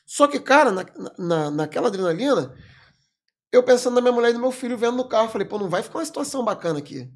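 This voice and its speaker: A man, a military police corporal, telling a story as a podcast guest in an animated, emphatic way, full of slang fillers. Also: extremely high pitch, racing. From Brazil. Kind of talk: casual storytelling in an interview.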